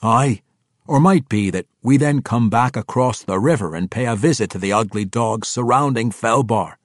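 A man voicing a bold dwarf warlord who talks bluntly in rough common speech. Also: medium pitch, normal speed, dry recording, studio quality, voice pushed up, lightly acted. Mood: boastful.

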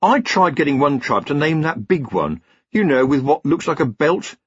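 A jittery, wry wizard from a comic fantasy audiobook, voiced by a male narrator, husky and talkative, his pitch jumping about as he talks his way around trouble. The sound is dry and slightly dull. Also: sing-song, moderate pace, no echo. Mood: nervous. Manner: chatty, evasive and wryly anxious. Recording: slightly dull, muffled recording.

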